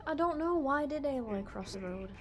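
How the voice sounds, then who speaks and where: A woman's voice: high voice, animated, normal speed, slight background noise. A young woman streaming, chatting casually in a playful, laughing way and swearing freely. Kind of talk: casual live-stream chat while gaming.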